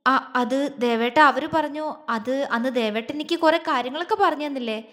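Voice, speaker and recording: A woman's voice: high-pitched, a bit bright. A woman voicing a tearful, insecure young wife who stammers through her words, with a long hall reverb. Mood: hurt pleading. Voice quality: halting, stammering speech. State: crying.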